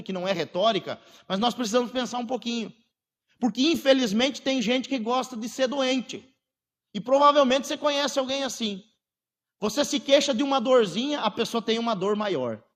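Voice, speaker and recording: A man with a Brazilian Portuguese accent preaching a sermon earnestly, moving between raised emphasis and quiet intensity. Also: very high voice, animated, fairly quick, in a large hall.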